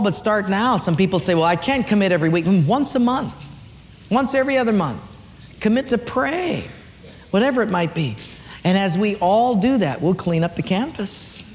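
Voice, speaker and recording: A man preaching a sermon as a pastor, swinging from loud raised lines down to quiet low ones. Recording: long hall reverb, faint room noise.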